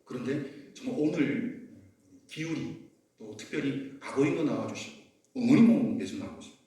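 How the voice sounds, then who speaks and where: A man's voice: medium pitch, lively intonation, normal speed, mellow. A male pastor preaching a sermon, emphatic, often putting questions to the congregation. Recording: echoey church hall, mic far off.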